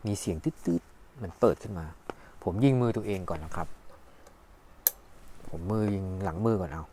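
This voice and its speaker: A lower-pitched man runs a casual hands-on product demo at home. He thinks aloud and narrates each button press, filmed on a phone camera. Faint background noise sits under the voice. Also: normal speed, dark tone. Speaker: product reviewer. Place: at home indoors.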